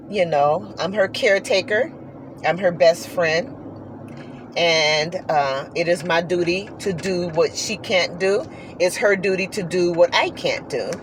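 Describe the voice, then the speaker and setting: A woman's voice: fairly low pitch, poor audio. A woman telling a heartfelt story about her horse in an earnest, repetitive, folksy way, talking while riding in a car. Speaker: horse owner vlogger. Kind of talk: casual monologue. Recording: steady road noise behind.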